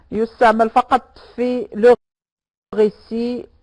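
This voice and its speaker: A woman's voice: fairly high pitch, little pitch movement, moderate pace, a little mellow, low-quality recording. A woman teaching a French lesson online, patiently repeating words and correcting students by name.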